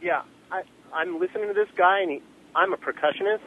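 A man's voice: sits high, fast. A man calling in over the telephone from his car, a percussionist who bluntly and scornfully grills the guest with questions. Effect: heard over a telephone line from a car. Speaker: radio caller, trained percussionist. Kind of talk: combative call-in argument. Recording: narrow phone line with faint hiss.

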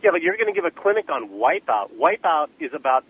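A man's voice: on the high side, big pitch swings, fast, husky. A man calling in over the telephone from his car, a percussionist who bluntly and scornfully grills the guest with questions. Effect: heard over a telephone line from a car. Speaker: radio caller, trained percussionist. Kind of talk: combative call-in argument. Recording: narrow phone line with faint hiss.

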